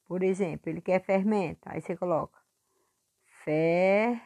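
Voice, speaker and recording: A woman teacher recording a lesson review for her pupils, patient and clear, stretching words out to stress syllables. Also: lowish voice, steady tone, fast, mellow.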